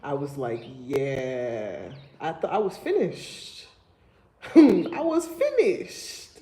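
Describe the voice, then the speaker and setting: Her pitch is extremely low and she draws out her words. A young Liberian vlogger with a Liberian accent, she tells animated stories to her livestream viewers in a casual, emphatic chat.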